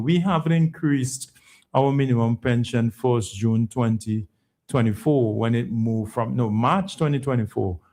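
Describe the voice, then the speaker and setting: A man's voice: medium pitch, darkish tone. A man speaking as an executive guest on a phone-in, explaining policy emphatically, repeating words and often checking with a questioning tag. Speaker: pension fund chief executive, programme guest.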